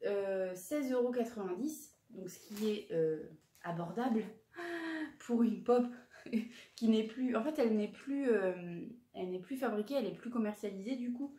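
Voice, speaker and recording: A woman's voice: mid-range voice, mellow. A woman in her twenties chatting casually in a haul vlog, hesitant and full of fillers as she shows what she bought. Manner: chatty, hesitant with many fillers and self-corrections. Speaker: vlogger showing her purchases. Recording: roomy echoey room.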